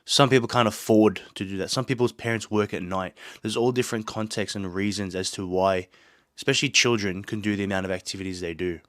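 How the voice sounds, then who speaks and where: Here a man talks briskly in a somewhat low, slightly bright voice with fairly even intonation and no room sound. Hosting his podcast solo from a small home studio, he's battling a sore throat and blocked nose yet stays earnest and motivational, wandering off into asides.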